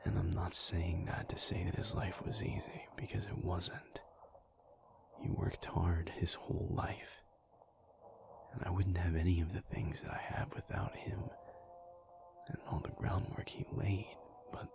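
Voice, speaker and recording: In an intimate ASMR roleplay, a man voices a weary, thoughtful alpha werewolf, half-whispering in a low, gravelly, breathy tone. He keeps a level tone and confides haltingly, sounding pensive and tired.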